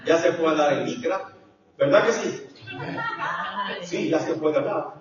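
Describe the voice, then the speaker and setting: An older man preaching a sermon as a pastor, swinging from hushed storytelling to shouted preaching. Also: a little high, a little slow, a little hiss or hum. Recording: echoey hall, distant dull mic.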